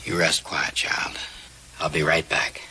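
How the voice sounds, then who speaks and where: A man acting as an anxious, gentle middle-aged American father in a 1960s TV western, pleading in hushed tones that rise with distress. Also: mid-range voice, sing-song, normal speed, a little hiss or hum. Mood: tender worry. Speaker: actor in a TV western.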